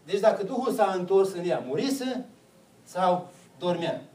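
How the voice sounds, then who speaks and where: A man's voice: high voice, lively intonation, mellow, roomy sound, recorded from a distance, rough recording. A man preaching a sermon, putting questions to the congregation and answering them himself.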